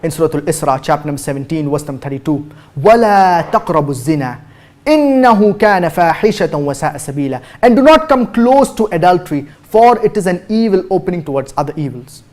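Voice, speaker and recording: A man giving a religious lecture and answering questions. He cites chapter and verse, recites Arabic quickly, then translates slowly with emphasis. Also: on the high side, big pitch swings, a little mellow. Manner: formal, measured, cites chapter and verse numbers. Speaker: Islamic preacher answering viewer questions.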